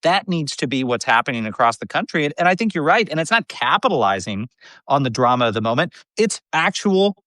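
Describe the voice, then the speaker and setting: A male guest in a political discussion, talking animatedly and slowing down for emphasis. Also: on the high side, very animated, bright, forceful tone, dry recording. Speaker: guest commentator.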